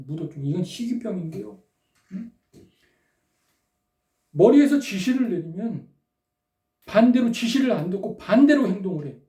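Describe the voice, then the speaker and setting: A woman preacher delivering a sermon, prodding her listeners with quick rhetorical questions. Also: mid-range voice, mellow. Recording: roomy echo, distant from the mic.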